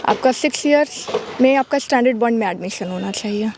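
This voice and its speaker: A woman who is a school principal, answering interview questions in a measured, explanatory way. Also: a little high, lively intonation, background noise.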